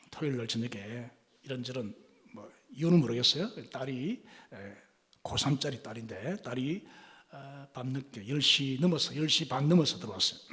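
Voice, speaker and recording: A man's voice: on the high side, long reverb tail. A male pastor giving a sermon, asking the congregation questions and acting out quoted speech. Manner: animated preaching, asks the congregation questions and acts out quoted speech. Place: church sanctuary.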